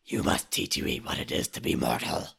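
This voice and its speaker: A man voicing an eerie raven spirit who speaks slowly and formally in a breathy, gravelly whisper. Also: fairly bright tone, natural voice. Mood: solemn. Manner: slow, grave, formal speech. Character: eerie otherworldly raven spirit, hungry, solemn.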